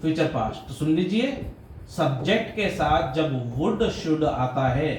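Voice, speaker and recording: A man with a fairly high voice, teaching grammar with an Indian English accent. He works through the rules step by step, firing questions at his students as he goes. The room sounds roomy and echoey, with a faint hiss underneath. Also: animated, slow pace, darkish tone. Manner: explains step by step, quizzes students with questions, calls them "beta". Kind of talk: classroom grammar lesson. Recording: echoey room with light background noise.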